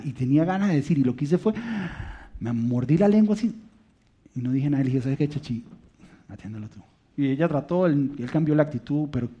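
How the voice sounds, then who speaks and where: A man preaching with quick, rushing delivery and a warm, mellow tone pitched a little high for a man. He tells stories with lively energy and sinks into hushed emphasis for key lines. The recording sounds dull and lo-fi. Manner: animated storytelling, dropping to soft quiet emphasis. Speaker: pastor. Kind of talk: sermon with personal stories.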